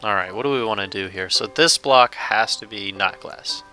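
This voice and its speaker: A man's voice: lowish voice, normal speed, pushed and bright, soft background music. A man casually talking through his gameplay as a channel host, thinking aloud and chuckling now and then. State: hiccups. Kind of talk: casual let's-play commentary.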